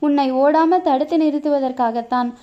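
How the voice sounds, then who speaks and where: A woman's voice: sits high, moderate pace, lightly acted. A woman reading as a brash young warrior. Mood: teasing. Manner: bantering, mock-dramatic cries. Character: brash young male warrior, boastful and teasing. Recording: dull lo-fi recording.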